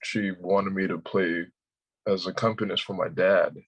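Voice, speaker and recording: Man, low-ish voice, relaxed joking podcast guest. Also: a little slow, highs cut off. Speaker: guest singer. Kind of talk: casual podcast chat.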